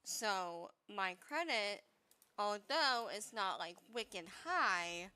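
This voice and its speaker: A young woman talks slowly and casually while playing a game, her voice stuffy and congested. Her tone is bright and a little tense. She rambles, leans on fillers, and swears offhandedly. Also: mid-range voice, animated, clear, resonant tone. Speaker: gaming vlogger giving advice. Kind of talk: casual chat over gameplay.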